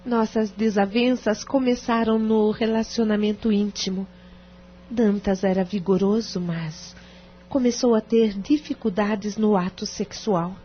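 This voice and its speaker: A woman's voice: medium pitch, steady tone, unhurried, natural voice. A Brazilian woman playing a distressed, sincere wife in an audio drama, speaking formally and earnestly. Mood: confiding, troubled. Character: distressed, sincere wife pleading her case to a lawyer. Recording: dull, muffled radio drama recording.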